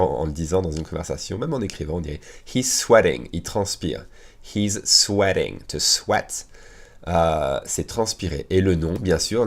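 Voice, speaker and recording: Low-voiced man teaching English words. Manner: explains each word slowly, many "d'accord?" checks. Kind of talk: casual spoken lesson.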